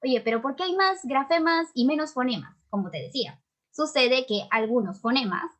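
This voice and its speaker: A woman with a Peruvian accent teaching an online grammar lesson, explaining patiently and checking in often with quick tag questions. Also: on the high side. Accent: Peruvian Spanish. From Peru.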